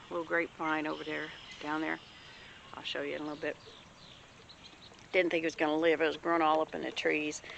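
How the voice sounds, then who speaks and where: A woman from the American Deep South with a Southern accent, chatting casually in a folksy, homespun way as she shows viewers around outdoors. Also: vocal fry, fairly bright tone. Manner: folksy, homespun, plain-spoken. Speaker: homesteader vlogger. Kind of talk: casual rambling show-and-tell chat. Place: outdoors in a rural yard. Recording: noisy outdoor recording with birds.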